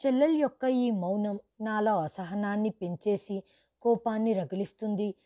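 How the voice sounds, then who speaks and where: A woman's voice: medium pitch, normal speed, mellow. A woman reading a first-person story as scripted narration, dramatic, raising her voice for quoted lines.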